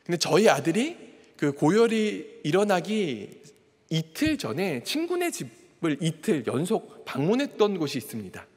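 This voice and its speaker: A man's voice: high voice, big pitch swings, unhurried, breathy edge. A man preaching a sermon as a pastor, telling a personal story and acting out the quoted dialogue. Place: large church sanctuary. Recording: long church hall reverb.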